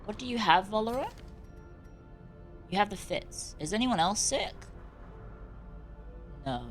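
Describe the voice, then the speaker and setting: Casting note: chatty woman streamer, animated intonation, casual live commentary over clear game music. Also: mid-range voice, a little slow. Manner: chatty, reacting aloud with exclamations. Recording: music behind the voice.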